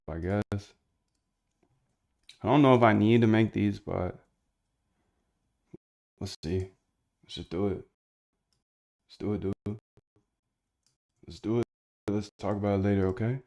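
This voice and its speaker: Low-ish and darkish, this man's voice stays steady but slow, with frequent pauses. He rambles in slang to his chat while working through a casual screen-share stream.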